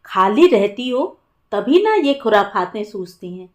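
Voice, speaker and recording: A woman's voice: medium pitch, sing-song, measured pace. A woman doing a cheeky young sister-in-law. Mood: teasing. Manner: teasing, mixes English words.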